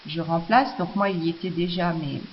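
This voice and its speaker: A woman's voice: on the low side, normal speed. Hesitant woman in a lo-fi screencast. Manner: hesitant, many fillers and restarts. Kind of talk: screencast software tutorial. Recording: slightly dull lo-fi audio with faint hiss.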